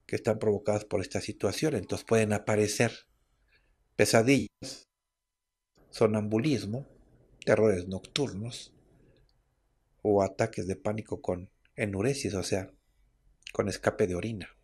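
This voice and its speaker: Male radio host, husky fry in a lowish voice, conversational and explaining. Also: a little slow, pauses often, darkish tone. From Mexico. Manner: chatty, explaining, with frequent tag questions. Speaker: radio host on herbal medicine. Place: radio studio.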